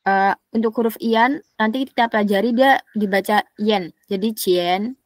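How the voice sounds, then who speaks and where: A woman teaches a private online language lesson. She speaks at an ordinary middle pitch and patiently models each syllable slowly, saying it twice. The mic is close and dry, with no room echo. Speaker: Mandarin tutor.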